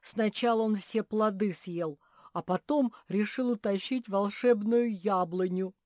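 A woman voicing a loud, stubborn, boastful bear cub boy in a storybook reading. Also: on the low side, expressive, unhurried, no room sound, clean studio sound, pitched above the performer's own voice. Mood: shouting. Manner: shouting, insistent.

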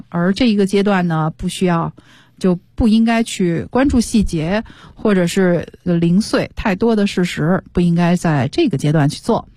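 Low mellow-voiced woman teaching English. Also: no room sound. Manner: explains patiently, switches between English and Chinese, spells words out. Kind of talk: radio language lesson. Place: radio studio.

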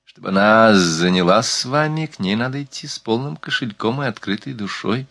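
A man's voice: lowish voice, expressive, fairly quick, fairly bright tone, no room sound. A man reading as a worldly, whispery sultana. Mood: confiding. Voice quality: slightly whispery, lisping voice. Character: worldly, gracious woman sultana.

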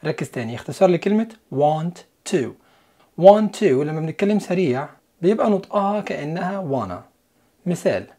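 Young Egyptian male English teacher, slightly high voice, fast and upbeat explaining, slow drills. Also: dark tone. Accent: Egyptian Arabic. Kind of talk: lively online language lesson.

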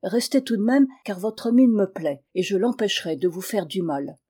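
A woman's voice: mid-range voice, expressive, normal speed, mellow, slightly rough. A woman reading aloud and voicing an old mother who protects a boy and scolds her son. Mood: protective.

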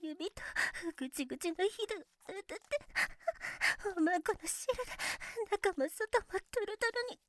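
A woman voicing a shy, apologetic, submissive attendant in an adult audio drama, speaking halting, polite, pleading pillow talk. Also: very high voice, lively intonation, dry recording. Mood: shy, aroused.

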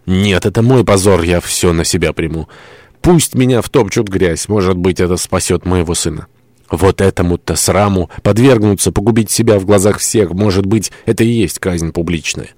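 A man's voice: low-pitched, moderate pace, a little mellow, dry recording, close to an everyday voice. A man voicing a pious young mother in anguish, pleading and breaking into tearful outbursts in an audiobook. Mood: despairing.

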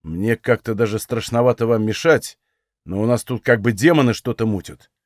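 A man voicing a cautious, uneasy male ally trying to calm a quarrel. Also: lowish voice, moderate pace, dry recording, studio quality, lightly acted. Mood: wary. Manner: hesitant, conciliatory.

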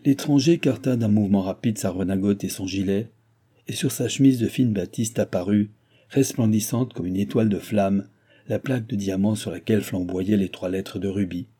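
A man narrating a classic novel as an audiobook, in a steady, measured reading. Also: on the low side, husky. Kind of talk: scripted narration.

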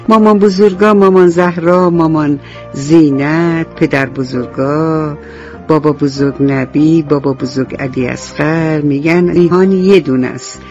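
A woman's voice: low-pitched, a little mellow. A woman telling a bedtime story to children on the radio, speaking to them directly and affectionately, in a lo-fi recording.

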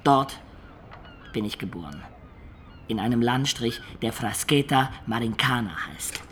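With a wistful mood, an actor in a German radio play takes on the role of an imaginative man of peasant origins reminiscing about his life, narrating reflectively and expressively. His mid-range voice is unhurried, and a little hiss or hum can be heard.

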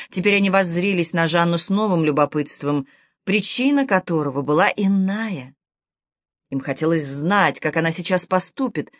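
A woman narrating a historical novel as an audiobook, measured, unhurried and expressive, close to the mic. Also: fairly low pitch, no room sound. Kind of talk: scripted literary narration.

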